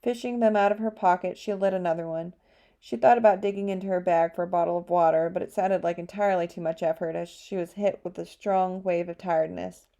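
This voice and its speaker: A woman narrating an audiobook chapter with a steady storytelling delivery. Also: lowish voice, brisk, gravelly. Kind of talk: scripted narration.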